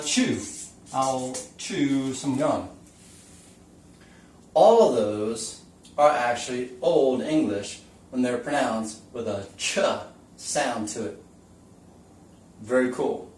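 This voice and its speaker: A man's voice: medium pitch, a little mellow, a little hiss or hum. A man giving a casual whiteboard lesson, chatty and folksy, asking the viewer questions as he goes. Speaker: teacher. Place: room with the camera taped to the wall. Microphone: camera mic from across the room. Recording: roomy echo, distant camera mic.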